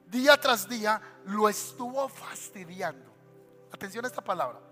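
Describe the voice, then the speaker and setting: A man's voice: sits high, animated, moderate pace, pushed and bright. A male pastor from Colombia preaching an emphatic sermon and calling for amens from the congregation. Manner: emphatic preaching, calls for amen. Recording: long church reverb, faint music.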